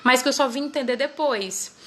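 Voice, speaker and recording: A woman's voice: sits high, normal speed, a bit bright, slight background noise. Chatty woman talking about parenting. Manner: chatty, conversational, often ends phrases with "né?" and "tá?". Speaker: parenting channel host. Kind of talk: casual talk to camera.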